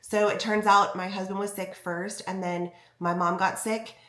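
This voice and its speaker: A woman's voice: mid-range voice, little pitch movement, normal speed, fairly bright tone. A young woman with a congested, stuffy voice, talking through a casual vlog recap. Her delivery is chatty, and "like" keeps popping up in her speech. The room around her rings with echo. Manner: chatty, frequent "like" fillers. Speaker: bikini fitness competitor and vlogger. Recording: echoey room.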